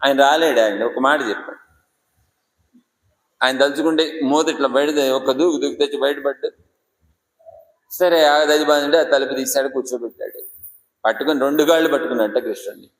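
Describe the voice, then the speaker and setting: A man giving a devotional discourse in a temple shrine, asking animated rhetorical questions as he tells the story. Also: medium pitch, fairly quick, pauses often. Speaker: devotional preacher. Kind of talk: Telugu religious discourse. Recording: echoey hall reverb.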